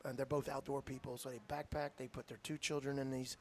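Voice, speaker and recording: Earnest coach, faint ambience. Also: male voice, medium pitch, little pitch movement, fast, slight background noise. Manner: earnest, heartfelt storyteller. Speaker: high school football coach. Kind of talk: radio interview talk.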